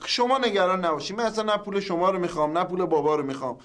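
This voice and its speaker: A blustery eldest son, high voice. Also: male voice, fairly bright tone. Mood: arguing. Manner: blustering then meekly giving in. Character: excitable grown son, quick to bluster and then back down. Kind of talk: sitcom acting.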